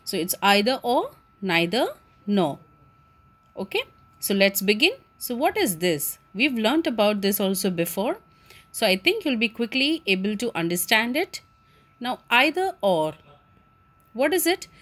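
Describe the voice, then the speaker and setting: A woman with an Indian English accent teaching a school grammar lesson. Her voice sits a little high and swings widely in pitch as she explains step by step. She keeps asking questions and answering them herself. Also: big pitch swings, normal speed, a bit bright.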